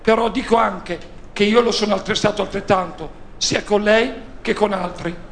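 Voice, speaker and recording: A man with a high voice makes an earnest, self-justifying case for himself on a reality TV show. Faint noise sits behind him. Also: fairly even intonation, normal speed, vocal fry, fairly bright tone.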